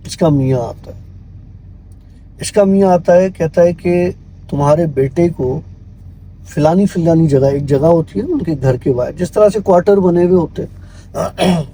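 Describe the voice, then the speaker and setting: A male storyteller recounts a horror tale in an unhurried, conversational manner, often sinking to a hush. His voice is mellow and dark though pitched slightly high. A faint hum of background noise runs behind him. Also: poor audio. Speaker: guest storyteller.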